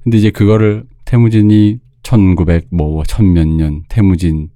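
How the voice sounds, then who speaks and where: A man co-hosting a podcast in casual discussion, speaking haltingly as he searches for words. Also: low-pitched, steady tone, mellow, no echo. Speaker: podcast co-host.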